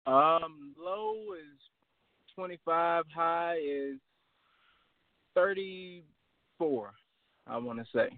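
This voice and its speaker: A young man, a college football player, answering interview questions in a laid-back way with many "uh" pauses. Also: fairly high pitch, sing-song, creaky, dry recording. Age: young adult. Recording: tinny phone-line audio.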